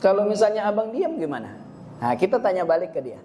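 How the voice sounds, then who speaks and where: A middle-aged religious teacher lectures a gathering on raising children, his voice pitched a little high. He often turns to the listeners and acts out short quotes of parents and kids. Faint room ambience sits behind him. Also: big pitch swings, quick pace, warm tone, slight background noise.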